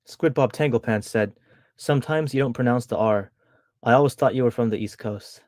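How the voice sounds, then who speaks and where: Speaking fairly quickly in a darkish, medium-pitched voice, a young streamer reads out chat and wanders off on tangents, restarting often, fixing his own words and laughing at himself. His tongue sits back because of an underbite. The audio is studio grade and free of echo.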